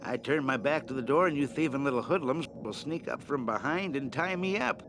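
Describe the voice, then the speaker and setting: Man playing a grumpy, animated gravedigger in a game. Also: medium pitch, a little fast, noisy background, natural voice. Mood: scolding, skeptical. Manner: querulous, skeptical, scolding. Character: jumpy, grumpy, stubborn gravedigger who loves horror novels. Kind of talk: comic adventure game acting.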